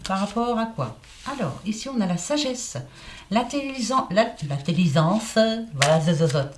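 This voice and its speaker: A woman's voice: medium pitch, sing-song, normal speed. A woman giving casual card-reading guidance, chatty and repetitive, with a slight lisp. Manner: chatty, repeats herself, fillers like hein and voilà. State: lisping slightly. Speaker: oracle card reader.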